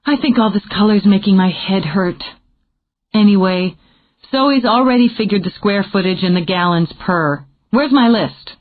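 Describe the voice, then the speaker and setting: A female narrator voicing a lively, impatient woman who talks quickly and gets exasperated. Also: medium pitch, natural voice. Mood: wry. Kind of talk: audiobook character reading. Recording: tinny phone-like audio.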